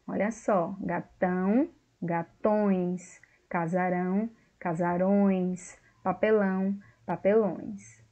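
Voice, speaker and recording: Brazilian woman teacher, very unhurried, patient step-by-step explainer, slightly muffled recording. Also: mid-range voice, mellow. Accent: Brazilian Portuguese. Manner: slow, explanatory, repeats words and checks with "tá certo?". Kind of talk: video lesson on grammar.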